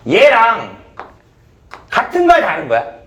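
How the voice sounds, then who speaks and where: A man's voice: sits high, wildly swooping pitch, unhurried, a bit bright. A male math teacher giving a classroom lecture, blunt and swearing casually as he quizzes students.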